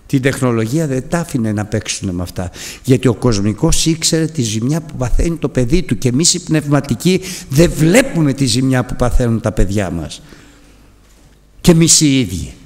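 A man's voice: medium pitch, animated, a little mellow, long reverb tail. A man preaching a sermon in a church, exhorting his listeners with impassioned, repeated appeals.

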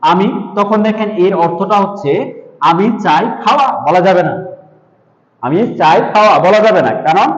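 A man with a high voice gives a spoken grammar lesson. He explains patiently, repeats his cue words and drills short example sentences one by one. The sound is roomy and a little dull, with a long reverb tail. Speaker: English teacher.

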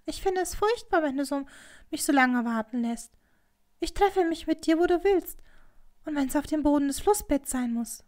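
A woman voicing a proud, cruel young geisha in an audiobook reading, pleading one moment and cutting the next. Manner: pleading and shrill, then cutting and scornful.

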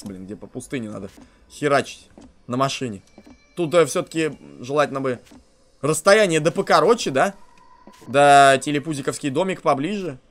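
A man giving crude, joking let's play commentary on a horror game, swinging from muttered asides to shouting at the character. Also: a little high. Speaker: game streamer.

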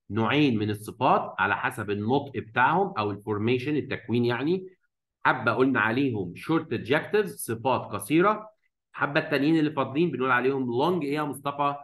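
A man's voice: medium pitch, a bit bright, poor audio. A man with an Egyptian Arabic accent teaches an English grammar lesson, switching between Arabic and English and quizzing his students with rhetorical prompts. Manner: stretches out English words slowly when modeling them.

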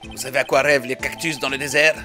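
A man's voice: medium pitch, level tone, fast talker, lightly acted. A man voicing a swaggering cowboy detective with a put-on Spanish accent, reading a video game's lines. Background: game music.

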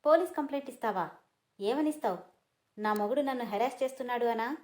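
A man's voice: very high-pitched, brisk. A woman voicing an angry, threatening young husband. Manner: rough, threatening.

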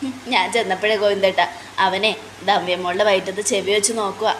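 A woman's voice: medium pitch, fairly even intonation, brisk, fairly bright tone, slight background noise, natural voice. A woman voicing a fond, hopeful middle-aged mother talking to her husband.

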